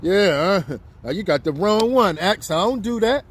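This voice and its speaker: Out on a city street with faint traffic sounds behind him, a fifty-something livestreamer chats casually, addressing his viewers directly. His voice sits high, with lively intonation, a breathy edge, and a moderate pace.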